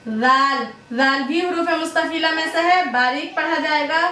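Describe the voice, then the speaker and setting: A woman teaching Quran recitation, explaining Arabic letter sounds and drawing out slow model pronunciations between her explanations. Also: extremely high pitch, bright, forceful tone, far from the mic. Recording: echoey room, voice set back from mic.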